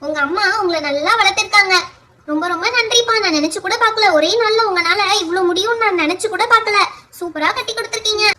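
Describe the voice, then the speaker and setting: A kind middle-aged aunt doll, voiced by a performer, fussing and thankful toward the children. Her voice is very high, quick and bright. This is doll pretend-play acting. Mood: grateful.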